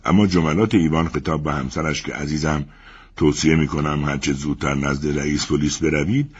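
A man reading a story aloud as narrator, with an expressive delivery. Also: extremely low pitch, breathy edge, highs cut off, soft background music. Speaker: audiobook narrator.

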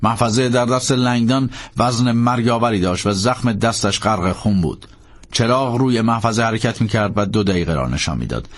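A man narrating an audiobook dramatically, swinging from tense to hushed. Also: lowish voice.

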